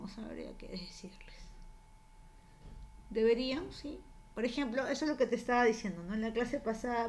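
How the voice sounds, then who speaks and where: A woman's voice: on the high side, a little hiss or hum. A woman teaching a university writing class, explaining patiently in a conversational way and often tagging her sentences with a questioning "no?". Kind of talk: conversational online class lecture.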